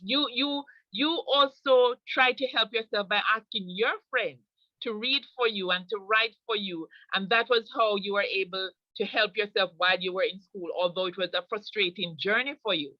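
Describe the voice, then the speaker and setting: A woman's voice: medium pitch, moderate pace, dry recording. A woman interviewing a guest, asking questions and recapping his answers back to him. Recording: dull lo-fi sound.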